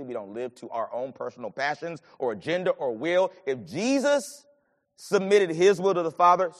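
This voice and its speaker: A man preaching with a high, lively voice that leaps up and sinks back down as he moves between scripture and storytelling. His sermon rings out with a long reverb, like a large hall. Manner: animated, swings from low murmurs to shouted lines. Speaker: pastor.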